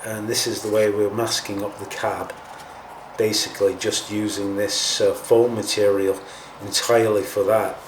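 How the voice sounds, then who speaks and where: A man's voice: on the low side, flat delivery, moderate pace. A man giving a casual hands-on tutorial as host, informal and a little hesitant as he thinks aloud. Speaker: host of a scale model painting tutorial. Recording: roomy, distant mic, faint noise.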